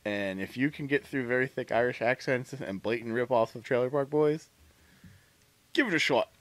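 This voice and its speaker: A man co-hosting a podcast, talking in loose, casual chat. He swears freely and keeps up a joking, teasing banter. His pitch sits at an ordinary middle height for a man. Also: moderate pace, no echo. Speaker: podcast co-host.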